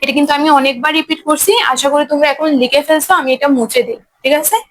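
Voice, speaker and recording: A woman's voice: high voice, fairly even intonation, fast talker, rough recording. A woman teaching English grammar in a class, explaining step by step and checking often whether her students follow. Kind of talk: classroom lesson at a board.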